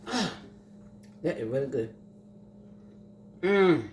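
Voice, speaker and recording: Older woman, slow chatty cooking vlog, lively sing-song pitch, roomy kitchen with clinking dishes. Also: a little hiss or hum. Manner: chatty, savoring food with hums. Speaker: cooking vlogger. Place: home kitchen. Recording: echoey kitchen with clattering dishes.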